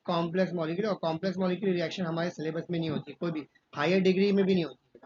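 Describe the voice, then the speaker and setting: A man with a high voice teaches a school chemistry class. He asks the class questions, answers them himself and repeats each key point, calling the students "beta". The recording is dull and lo-fi, with a faint hiss behind it. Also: steady tone, rapid-fire, darkish tone. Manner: calls students "beta", fatherly. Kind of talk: classroom lesson.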